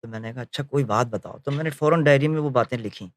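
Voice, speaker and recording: A man with a mid-range voice shares recollections of a spiritual leader in story form, voicing the dialogue he quotes. His telling is dotted with pauses on filler phrases and self-corrections, and no room sound is audible.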